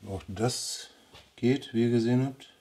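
With a mid-range, dark-toned voice and a measured pace, a man with a Ruhr German accent works on a bonsai while commenting casually. There is a little hiss or hum in the recording. The vlogger thinks aloud and mutters while trimming.

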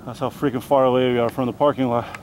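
Speaking fast with a darkish tone, a young male vlogger keeps his medium-pitched voice fairly even as he jokes around to his handheld camera. He is on an outdoor hiking trail, a little breathless and self-mocking. The outdoor camera audio carries clear background noise.

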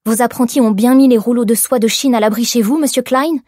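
A woman voicing a flustered female shop owner who wails and laments, in a husky voice. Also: a little high, a little fast, darkish tone, no room sound, studio quality, pitched above the performer's own voice, lightly acted. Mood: distressed. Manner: wailing, lamenting.

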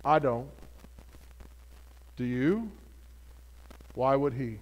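A man's voice: mid-range voice, animated, very slow, a little mellow, highs cut off. A pastor preaching a sermon in an earnest, conversational way, putting direct questions to his congregation.

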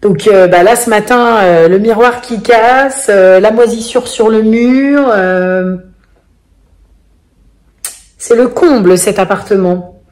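A woman's voice: medium pitch, takes it slowly, darkish tone. A woman telling a family story in a casual vlog, chatty and full of fillers. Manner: chatty, many fillers, acts out quoted voices. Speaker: vlogger, mother of five.

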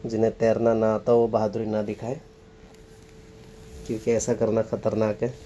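A man's voice: on the low side, completely flat delivery, warm tone. Man narrating a walk by a waterfall. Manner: guiding, pointing things out to viewers. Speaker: travel vlogger. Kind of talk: casual on-location tour narration. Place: outdoors by a waterfall. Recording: faint noise from rushing water outdoors. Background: rushing water and outdoor ambience.

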